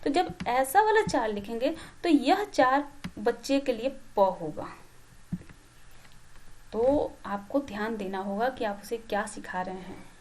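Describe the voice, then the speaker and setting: A woman with a high voice gives a patient lesson to teacher trainees. She talks through each point step by step. She keeps checking in with her listeners and pauses on fillers as she goes. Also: lively intonation, darkish tone, a little hiss or hum. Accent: Hindi. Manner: explains slowly with many "ठीक" check-ins and fillers. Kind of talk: classroom lecture.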